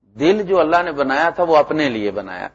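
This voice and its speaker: A middle-aged man preaches with a fairly high, husky voice. He is animated, pushing lines out loud and then dropping low. The recording is muffled and lo-fi. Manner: animated, swings between loud emphasis and low asides. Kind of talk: sermon.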